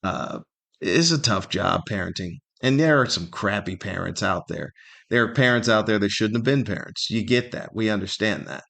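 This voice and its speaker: A middle-aged American comedian hosts a solo podcast, rambling casually and conversationally and sometimes acting out imagined remarks. His voice is fairly low with vocal fry, animated and a bit bright, at a normal speed.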